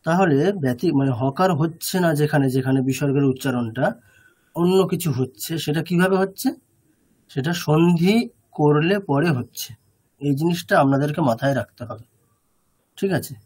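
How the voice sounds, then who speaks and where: A male teacher speaks over a video call in a somewhat high voice. He explains slowly and patiently, repeats his points, and keeps checking whether his students follow. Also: darkish tone, breathy edge. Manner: patient, repetitive, often checks understanding. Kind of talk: online class lecture.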